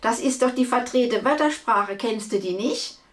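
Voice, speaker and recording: Woman doing a croaky, giggly ink monster. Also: on the high side, moderate pace, voice pushed up, close to an everyday voice. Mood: gleeful. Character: cheeky male ink monster, gleeful and grubby.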